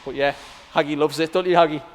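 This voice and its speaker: A man's voice: on the high side, steady tone, fast. A man hosting a casual walk-around vlog inside a car workshop, chatting with the mechanics. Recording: echoey workshop hall with faint background noise.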